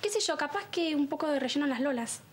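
A fast, chatty young Argentine woman. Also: high voice, lively intonation, a little hiss or hum. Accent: Argentine Spanish. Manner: chatty, bold. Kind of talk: sitcom acting.

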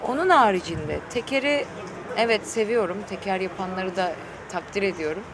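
A woman with a mid-range voice, speaking at a normal pace, is an interview guest in a casual outdoor chat, sharing her opinions frankly. Crowd noise and clear traffic and vehicle sounds fill the urban background.

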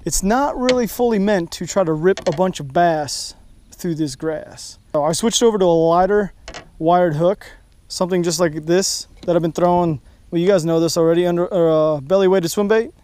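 A young man from Texas in a kayak on an open lake, talking excitedly to viewers as he fishes, recorded on a head-mounted action camera. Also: sits high, moderate pace. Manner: excitable, talks to viewers while fishing. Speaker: fishing vlogger. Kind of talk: casual first-person fishing commentary.

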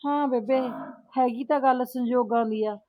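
A woman's voice: a little high, steady tone, normal speed, no echo, lightly acted. A young woman playing a distressed married daughter who pleads tearfully about her in-laws in a rural family drama. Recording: thin phone-like sound.

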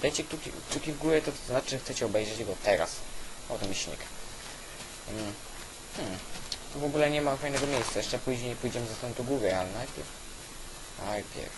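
A man giving casual, halting gameplay commentary, thinking aloud as host on an old weak microphone. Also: medium pitch, expressive. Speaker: gaming video host. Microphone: old cheap weak microphone. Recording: constant hiss from weak microphone.

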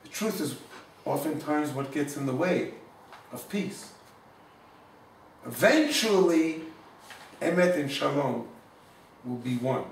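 A man giving an informal Torah class, telling a story warmly and mixing in Hebrew and Yiddish words. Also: fairly high pitch, lively intonation, takes it slowly, creaky, pauses often, far from the mic, a little hiss or hum. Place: room in Jerusalem. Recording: echoey room, speaker away from the mic.

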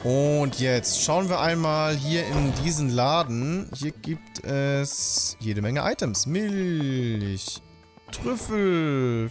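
Animated man commenting on gameplay. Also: on the high side. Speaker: let's play host. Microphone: desk microphone close to the mouth. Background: game music.

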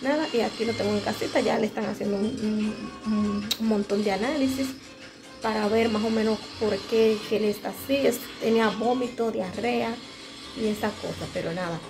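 Her voice sits at medium pitch with a steady tone and normal pace. The home vlogger, a woman in her thirties, casually talks to a phone camera held at arm's length while doing chores in her small indoor space, her throat dry and sore and music running in the background.

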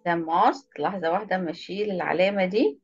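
A woman's voice: on the low side, fast, husky, muffled recording, soft background music. A woman with an Egyptian Arabic accent teaching an English class online, patiently explaining and praising each pupil by name. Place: online video lesson.

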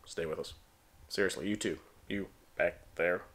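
A man's voice: sits low, fairly even intonation, moderate pace, a bit bright. Rambling man chatting over old toys. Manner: rambling, self-deprecating, lots of ums. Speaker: toy collector vlogger. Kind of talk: casual unboxing chat. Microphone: handheld camera, then on a tripod. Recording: faint background noise.

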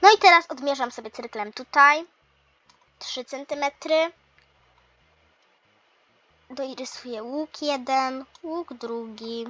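A patient male math teacher walks his class through compass drawings step by step, teasing gently now and then, as a woman voices him. The voice sits high. The recording is dull and lo-fi. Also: slow, long pauses, dry recording, full character voice. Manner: explains step by step, mildly teasing. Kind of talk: toy role-play lesson.

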